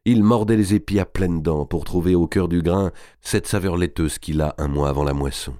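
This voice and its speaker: A man reading a historical novel aloud as audiobook narration, measured and expressive. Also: deep voice, no room sound, clean studio sound.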